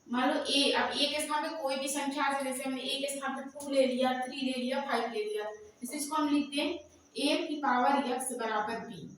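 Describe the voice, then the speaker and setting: A woman teaching a math lesson who keeps asking questions and answering them herself, drawing out formulas slowly as she dictates them. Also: sits high, steady tone, fairly bright tone, slight background noise. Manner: slow, drawn-out dictation of formulas. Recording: very echoey room, voice from far off.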